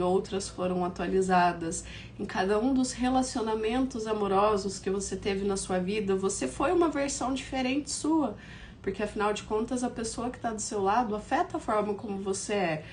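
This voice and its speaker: A middle-aged Brazilian woman with a hoarse, croaky voice from an inflamed throat, talking casually and reflectively as she teaches on a livestream. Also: medium pitch, darkish tone, a little hiss or hum. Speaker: host of a tarot challenge.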